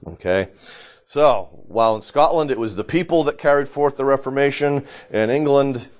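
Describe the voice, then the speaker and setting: A man teaching a small church class, deliberate and lightly joking, checking in with his listeners and coughing now and then. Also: mid-range voice. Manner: deliberate, adds joking asides and checks in with "okay?".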